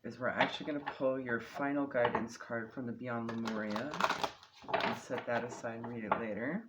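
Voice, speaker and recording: A man hosts a casual, improvised tarot reading, his medium-pitched, fairly even voice slightly slurred by the retainers he's wearing. He speaks unhurriedly and often ends statements with a questioning "okay?", over a clearly noisy background with clicks.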